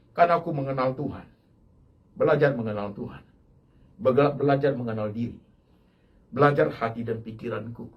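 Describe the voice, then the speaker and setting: An older man preaching a sermon as pastor, with emphatic repeated phrases and bits of English mixed in. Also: medium pitch. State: ill with kidney disease.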